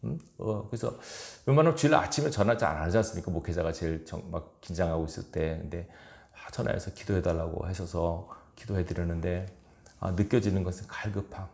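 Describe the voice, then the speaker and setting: A man's voice: low-pitched, brisk, vocal fry, a little mellow. A male pastor preaching a fervent, emphatic sermon in a church sanctuary. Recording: roomy church echo.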